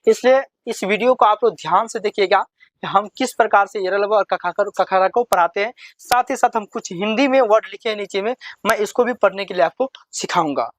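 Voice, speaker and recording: Speaking in a high pitch on a dry recording, this man runs a reading lesson for children. He poses each question and supplies the answer in call-and-response letter drills, keeping his delivery slow and repetitive.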